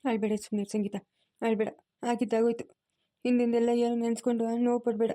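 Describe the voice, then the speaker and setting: A woman's voice: fairly high pitch, flat delivery, fast, dark tone, lightly acted. A woman acting in an amateur family drama, coaxing and reassuring over and over. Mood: soothing. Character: soothing man, then a loving grandmother.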